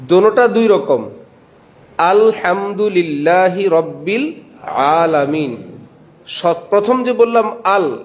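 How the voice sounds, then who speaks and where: A man preaching a religious lecture in a Bangladeshi Bengali accent. He is a madrasa principal who asks his listeners questions, answers them himself and spells out letters and sounds slowly. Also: high voice.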